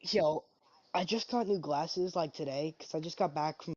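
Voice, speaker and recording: A friend on a console headset in casual chat, voice cutting out from noise suppression, halting and restarting sentences. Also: mid-range voice, a little mellow. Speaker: friend on a call. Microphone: gaming console headset over voice chat. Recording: dull lo-fi online voice chat.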